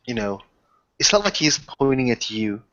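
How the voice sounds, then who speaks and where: In a dull lo-fi recording with clicks, a man with a mid-range, slightly bright voice plays in a casual tabletop roleplaying session. He's very animated at a moderate pace, talking in fragments and rephrasing mid-sentence as he improvises.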